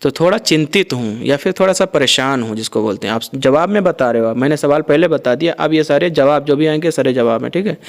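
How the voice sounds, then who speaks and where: Male teacher, casual lesson, slightly high voice, drills phrases slowly with repetition. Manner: repeats each phrase slowly, then explains. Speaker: Arabic teacher.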